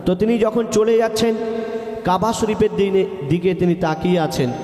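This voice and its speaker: High-voiced preacher with heavy echo. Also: male voice, normal speed, mellow. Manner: storytelling, breaks into singing. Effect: heavy echo on the mic. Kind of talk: devotional sermon with sung verses. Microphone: handheld or stand microphone through a sound system. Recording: echoey hall sound with music.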